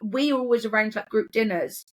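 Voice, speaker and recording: A woman's voice: a little high, normal speed. A woman co-hosting a podcast, chatting casually and giggling often. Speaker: podcast co-host. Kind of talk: casual chat.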